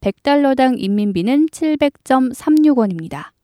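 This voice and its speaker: A woman hosting a radio news program, reading news and weather in a clear, friendly studio delivery. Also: sits high, expressive, moderate pace, warm tone, dry recording.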